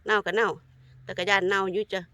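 An older Thai woman with an Isan accent, narrating a casual foraging vlog in a forest and chatting warmly to her viewers. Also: mid-range voice, flat delivery, fast, no echo. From Thailand. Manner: chatty, warmly addresses viewers as kin, sweet polite endings. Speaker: vlogger. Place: forest outdoors.

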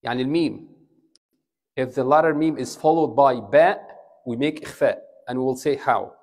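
Egyptian imam teaching recitation rules. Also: male voice, mid-range voice, measured pace, a little mellow. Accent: Egyptian Arabic. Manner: explains step by step, checks in with the class; switches between Arabic and English. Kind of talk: classroom lecture.

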